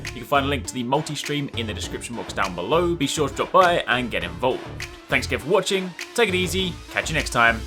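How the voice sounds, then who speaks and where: A man narrates a scripted video game guide over music in an upbeat, chatty YouTuber style. His mid-range voice is expressive and quick, with emphatic stresses.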